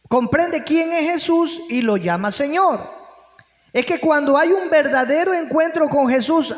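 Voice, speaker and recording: A male pastor preaching a sermon, posing rhetorical questions and breaking in with exclamations of praise. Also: extremely high pitch. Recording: long hall reverb.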